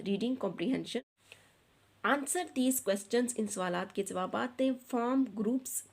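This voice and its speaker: A woman teaching an online textbook lesson, reading the English lines slowly and then explaining them quickly in Urdu. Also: a little high. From Pakistan.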